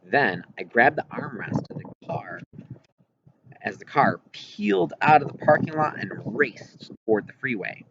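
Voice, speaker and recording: This audiobook reader has a medium-pitched, sing-song voice and takes his time narrating a first-person story from a script. His home recording sounds muffled and noticeably noisy.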